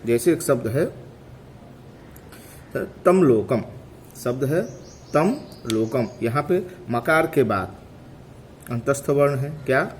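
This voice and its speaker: A man's voice: medium pitch, lively intonation. Guy teaching a grammar class, keeps asking then answering his own questions, says terms over and over, bit of hiss behind. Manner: asks questions and answers them himself; repeats terms slowly to drill them. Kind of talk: classroom lecture.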